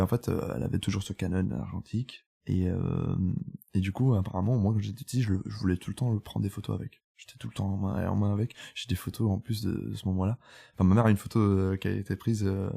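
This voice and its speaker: Speaking fast in a low, mellow voice that's creaky and slightly rough, an Italian photographer in his twenties tells his story in French as a podcast guest. His intonation is fairly even, and the casual interview is full of his fillers and restarts; Italian is his native language.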